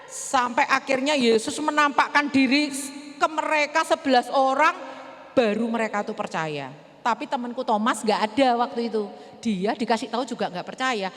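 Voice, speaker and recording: A woman's voice: on the high side, moderate pace, a bit bright, close to an everyday voice. A woman playing Mary Magdalene as a grieving then joyful disciple in a chatty, emotional first-person church monologue, stammering now and then. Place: church hall. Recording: echoey church hall.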